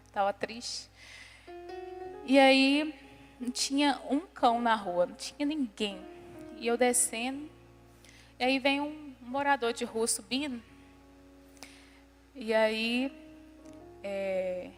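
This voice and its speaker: Earnest Brazilian woman preaching in a reverberant hall. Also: on the high side. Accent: Brazilian Portuguese. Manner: earnest, conversational, with frequent restarts. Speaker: youth church speaker. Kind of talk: sermon testimony, storytelling. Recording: reverberant church hall with soft music behind.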